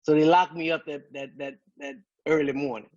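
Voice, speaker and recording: A man's voice: fairly high pitch, fairly even intonation, a little fast, a little mellow, highs cut off. A man giving an emotional personal testimony as a guest speaker, telling his story with earnest conviction. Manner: earnest, emotional, quotes dialogue.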